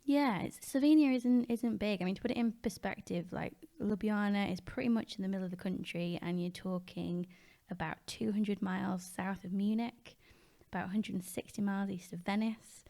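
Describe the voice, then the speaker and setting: A woman's voice: mid-range voice, steady tone, moderate pace, gravelly, warm tone. A woman co-hosting a travel podcast, chatting casually and supplying the practical details in a matter-of-fact way. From United Kingdom.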